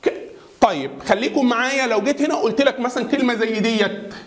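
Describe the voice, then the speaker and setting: Egyptian male tutor, very high voice, asks and answers his own questions, slows to spell out sounds, echoey room. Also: slight background noise. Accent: Egyptian Arabic. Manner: repeats questions and has the viewer answer back; slows right down to spell words out. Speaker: English teacher. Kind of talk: classroom-style pronunciation lesson.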